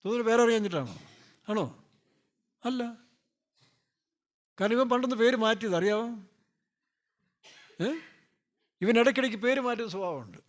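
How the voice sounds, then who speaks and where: A man's voice: very high-pitched, expressive, moderate pace, pauses often. A male pastor preaching a sermon in a loose, joking way, firing off rhetorical questions and playfully acting out scripture characters.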